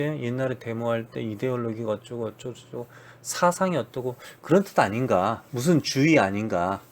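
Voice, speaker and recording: Lively-voiced Korean man explaining English words. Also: medium pitch. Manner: drawn-out demonstrations of English words, chatty and blunt. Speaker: English teacher. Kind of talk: casual spoken English lesson.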